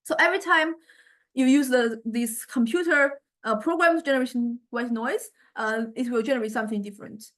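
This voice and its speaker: A university music technology lecturer gives an informal software demonstration, explaining things conversationally and often hesitating to find her words. Her voice is on the high side and brisk.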